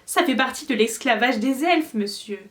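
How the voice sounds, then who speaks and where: A woman voicing a timid, eager male house-elf with a high, earnest, anxious voice. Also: animated, normal speed, fairly bright tone.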